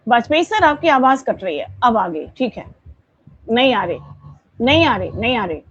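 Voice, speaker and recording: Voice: medium pitch, very animated, a bit bright. A discussion participant heard over a muffled, crackly phone line who keeps checking whether the connection works. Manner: repeatedly checks the connection, brisk and insistent. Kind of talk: casual panel discussion over a call. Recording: dull lo-fi call line with faint hiss.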